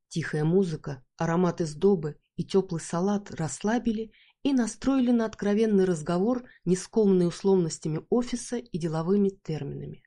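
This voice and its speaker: Woman reading a first-person story, lowish voice, mellow and wry. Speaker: narrator. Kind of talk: first-person audiobook narration.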